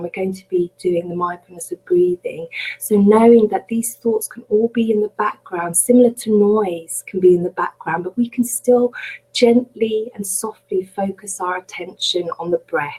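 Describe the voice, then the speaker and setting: Breathy, gentle woman coaching mindfulness. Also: medium pitch, poor audio. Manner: gentle, unhurried, reassuring. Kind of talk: live webinar teaching and guided meditation. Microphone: webcam or computer mic on a video call.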